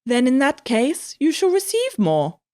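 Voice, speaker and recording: A woman voicing a stern male headmaster who speaks with cold calm. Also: sits high, unhurried, no echo, clean studio sound, pitched above the performer's own voice, heavily acted.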